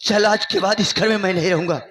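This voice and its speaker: A man's voice: high-pitched, brisk. A man playing a proud, angry young son who leaves home, declaiming in a folk stage play. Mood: defiant. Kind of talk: live folk stage theatre. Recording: stage with loud music behind.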